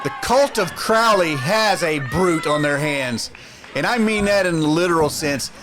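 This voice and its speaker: A man doing excited, dramatic wrestling commentary as the lead announcer, emphatic and fond of rhetorical questions. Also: on the high side, measured pace, over music, a crowd in the background, poor audio.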